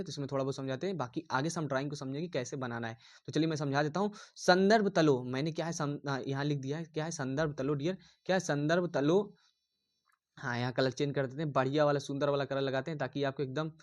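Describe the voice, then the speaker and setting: A man giving a casual online engineering drawing lesson, repeating himself often and calling viewers dear. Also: a little high. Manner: repetitive, rambling, addresses viewers as dear.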